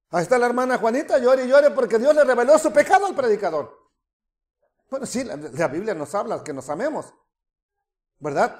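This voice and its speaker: A man preaching a sermon as pastor, animated, with mocking asides and rhetorical questions. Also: high-pitched.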